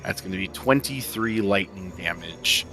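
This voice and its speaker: Male player, deep gravelly voice, very slow, bright edge. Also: soft background music. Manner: slow, drawn-out with fillers. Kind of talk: playing a tabletop game.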